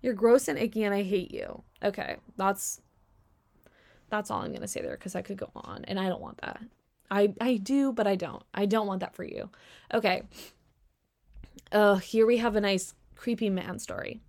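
A young woman hosts her own podcast and talks straight to her listeners. Her commentary is casual and sarcastic, full of slang and quick laughs. Her pitch sits in the middle for a woman. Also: lively intonation, vocal fry, a little mellow. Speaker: podcast host.

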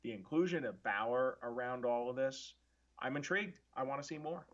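A man of ordinary pitch gives his earnest, analytical take on the week's wrestling. He stumbles and restarts as he thinks aloud. His audio is somewhat dull and lo-fi. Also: fairly quick. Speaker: podcast co-host. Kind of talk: casual wrestling review chat.

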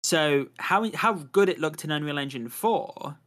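A man with a slightly high, fairly bright voice hosts a casual podcast chat, sounding animated but talking a little slowly. He's chatty and rambles, filling his speech with lots of fillers and a habit of saying "to be honest."

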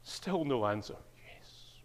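An older man with a Scottish accent preaching a sermon in a church, telling stories with lively swings in pitch. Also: takes it slowly, whispered. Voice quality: animated storyteller, wide pitch swings on quoted speech. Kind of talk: sermon with anecdotes.

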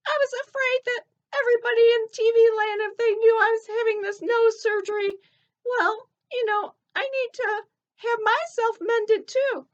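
A woman voicing an earnest young female elephant puppet with a squeaky voice, telling a story eagerly. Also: steady tone, normal speed, highs cut off.

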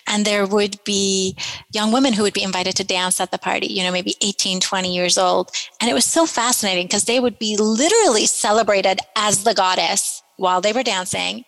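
Animated woman guest from Iran, echoey. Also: mid-range voice, a little fast, gravelly. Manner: animated storyteller with many fillers and restarts. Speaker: podcast guest. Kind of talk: casual storytelling in conversation.

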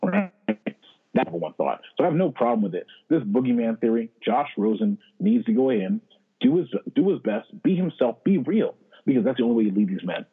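A man's voice: medium pitch, sing-song, fairly quick, breathy edge. A man co-hosting a sports podcast, making emphatic, preachy points in casual talk. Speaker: podcast co-host. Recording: tinny phone-like line.

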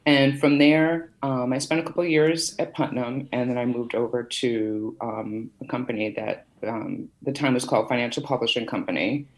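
A woman's voice: rumbling low, fairly even intonation, moderate pace, few pauses, rough recording. A middle-aged woman from Massachusetts, a podcast guest telling her career story in a chatty way with many fillers. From Massachusetts, USA. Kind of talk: conversational interview.

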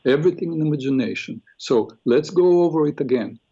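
A man with a dark, relaxed voice coaches a caller through guided visualization. He is instructive and restates his phrases as he goes. The audio is dull and lo-fi, like an internet call. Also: on the high side, fairly quick, breathy edge. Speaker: host guiding a caller through an imagery exercise.

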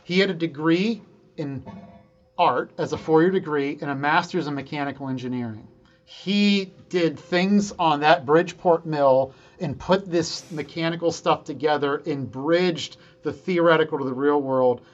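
A man telling stories from his engineering career in a casual conversation, lively and quick to act out the people he quotes. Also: fairly high pitch, dull audio. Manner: animated storyteller, quick to quote himself and others. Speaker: guest engineer.

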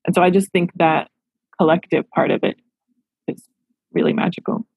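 Recorded with no room sound and low quality, a Los Angeles therapist and practice owner in her thirties responds to interview questions thoughtfully and sincerely. Her lowish voice is steady, creaky, husky, and a little mellow, moving at a moderate pace.

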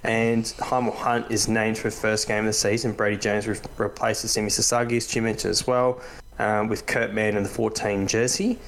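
A man's voice: lowish voice, level tone, normal speed, gravelly, low-quality recording. A man hosting a casual, matey and slangy fantasy rugby league chat. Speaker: podcast host.

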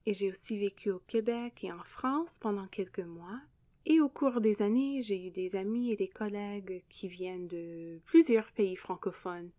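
A young Canadian woman with an English-speaking accent, French not her first language, hosting a gentle, earnest devotional podcast. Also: medium pitch, measured pace, no room sound.

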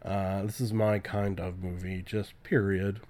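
A man's voice: low voice, level tone, unhurried, a little mellow. A man with a cold hosting his own podcast, rambling and self-mocking through movie reviews with lots of filler. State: sick, voice deepened by illness. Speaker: podcast host. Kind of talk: casual solo podcast talk.

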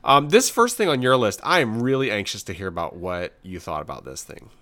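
Chatting casually about recent shows and films, a podcast co-host offers blunt opinions in relaxed, slangy talk. His fairly low voice sounds pushed and bright, animated and brisk.

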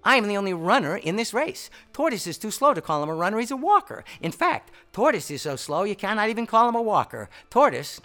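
A cocky male hare from a storybook telling, put on by a man, pitched up high with lively, bouncing swings and a bright, punchy edge. He brags and teases at a quick clip. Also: soft background music, exaggerated voice. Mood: boastful. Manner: mocking, fast and bragging.

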